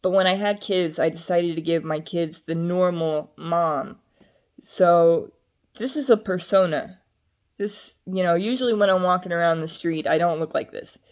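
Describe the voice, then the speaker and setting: A woman's voice: on the low side, moderate pace, darkish tone. A young adult woman vlogging to camera in a rambling, chatty way, drifting between topics with frequent fillers. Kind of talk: casual talk to camera.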